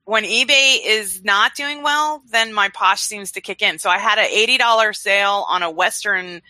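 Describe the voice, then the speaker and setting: A woman co-hosting a casual chat show about online reselling, chatty and expressive with dramatic asides. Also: mid-range voice, moderate pace, no echo.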